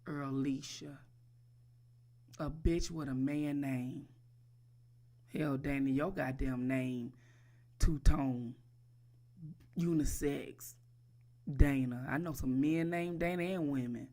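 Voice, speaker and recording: A woman's voice: extremely low pitch, steady tone, slow pace, pauses often, warm tone. A woman delivering a profane, taunting roast on a livestream, crude and mocking, repeating her target's name again and again.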